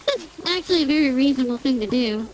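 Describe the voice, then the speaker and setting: A woman's voice: sits high, animated, fast, a little hiss or hum, poor audio. A woman streamer chatting casually while gaming, with the hiccups. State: has the hiccups.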